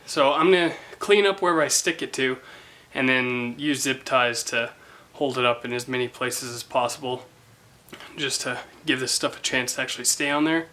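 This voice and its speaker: A man's voice: mid-range voice, normal speed. Casual young man vlogging car work. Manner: excited, casual, self-mocking. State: out of breath. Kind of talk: casual garage vlog.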